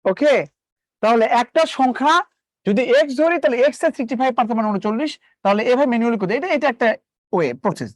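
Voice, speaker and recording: A man's voice: extremely high pitch, expressive, fast, a little mellow, no echo. A man teaching a live online math lesson, repeating questions to his students and drilling them step by step.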